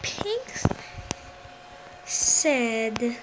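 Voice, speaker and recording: Giggly high-voiced young woman gaming. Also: very animated, extremely slow, background noise. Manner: giggly and playful, talks to the game characters. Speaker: gameplay commentator. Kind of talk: casual gameplay commentary.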